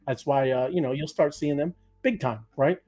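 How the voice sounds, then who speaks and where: A man's voice: fairly high pitch, normal speed, dark tone. A man co-hosting a crypto livestream, rambling in casual chat with many fillers and restarts. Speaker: crypto show co-host.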